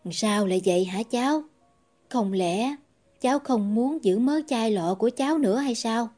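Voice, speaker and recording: Male narrator doing a gentle fretting old granny, soft and pleading, pitched high and quiet. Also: moderate pace, soft background music. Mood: worried, coaxing. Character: gentle, worried old grandmother.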